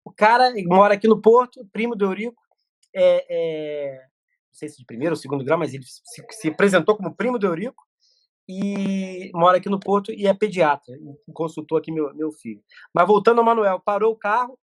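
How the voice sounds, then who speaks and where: A man's voice: high-pitched, expressive, no room sound, clean studio sound. A middle-aged man, a podcast guest telling stories in casual chat with many restarts. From Brazil. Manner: rapid storytelling with many restarts.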